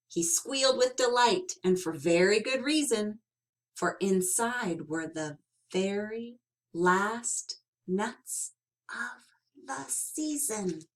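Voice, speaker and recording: Reading a children's picture book aloud, this woman speaks in a voice on the high side. Her storytelling is expressive, full of dramatic stress and drawn-out words.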